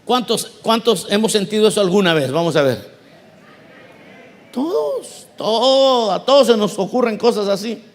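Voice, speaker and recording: A man with a high-pitched voice preaches a sermon. He talks to his listeners directly and keeps questioning them. He acts out the voices he quotes with broad swings in pitch and loudness. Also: animated, normal speed. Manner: conversational preaching, asks the congregation questions. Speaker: pastor.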